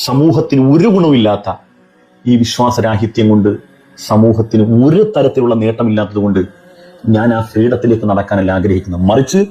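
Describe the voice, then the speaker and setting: Male preacher, fast and mellow-toned, drives his points home with pointed questions, faint music behind. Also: mid-range voice. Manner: fires rhetorical questions at the listener. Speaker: Islamic speaker. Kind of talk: persuasive religious speech.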